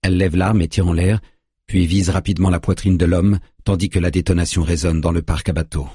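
A man narrating an audiobook in a grave, measured way, recorded on a close studio mic. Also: sits low, steady tone, dark tone, husky, no echo.

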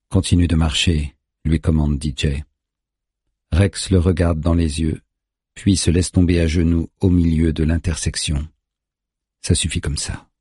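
A man narrating a thriller audiobook in a steady, tense storytelling manner. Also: extremely low pitch, slightly rough, no room sound, clean studio sound.

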